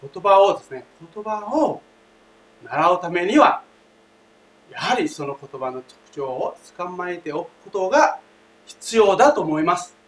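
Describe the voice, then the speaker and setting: A man's voice: sits high, lively intonation, a little slow, a bit bright. A man teaching a language lesson, speaking emphatically, repeating key phrases and often addressing the class directly. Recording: roomy, distant mic, faint hiss.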